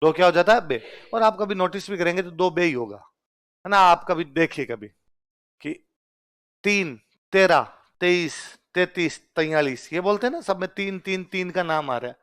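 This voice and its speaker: A man's voice: high voice, normal speed, fairly bright tone, smooth. A man teaching a lesson, repeatedly asking questions and answering them himself. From Rajasthan. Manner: quizzes listeners with call-and-response questions. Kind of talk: exam-prep lecture.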